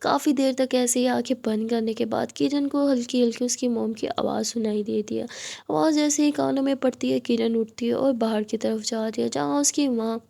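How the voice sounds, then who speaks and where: A woman's voice: on the high side, steady tone, normal speed, creaky, warm tone. A woman narrating a serialized love story in a chatty, conversational way.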